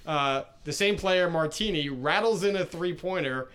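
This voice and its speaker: A man co-hosting a casual basketball podcast, his voice sitting a little high for a man. He talks in a chatty way and retells an announcer's puns with a laugh. He stays conversational and easygoing throughout. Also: moderate pace, a bit bright, clean tone. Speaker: podcast co-host. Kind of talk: casual sports chat.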